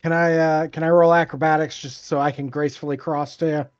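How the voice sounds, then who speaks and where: A man's voice: a little high, fairly even intonation, brisk. A man chatting casually as a player in a tabletop role-playing game. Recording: dull lo-fi voice chat, faint music.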